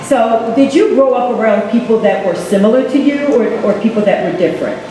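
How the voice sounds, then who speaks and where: A woman moderating a community panel discussion, introducing speakers in a brisk, upbeat way. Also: a little high, dark tone. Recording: echoey hall, room mic.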